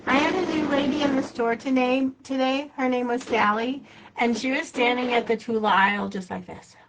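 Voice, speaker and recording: A woman's voice: sits high, fairly even intonation, normal speed, background noise. A woman hosting a live sewing demonstration, chatting casually to herself and viewers as she works. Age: adult with a child. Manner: chatty, talks to herself while working. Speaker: quilting shop host.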